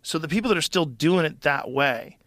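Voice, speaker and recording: A man's voice: fairly high pitch, lively intonation, a little fast, fairly bright tone, no echo, studio quality. A man in casual podcast chat, blunt and profane, talking in strong opinions. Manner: blunt, profane, opinionated, mimics voices for effect.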